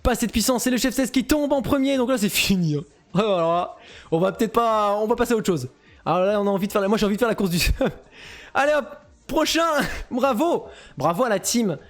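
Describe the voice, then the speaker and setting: A man hosting a live stream, giving excitable commentary on a race and chatting to his viewers. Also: high-pitched. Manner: excitable, quick swings between hype and asides to chat. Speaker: host of a live-streamed marble race tournament.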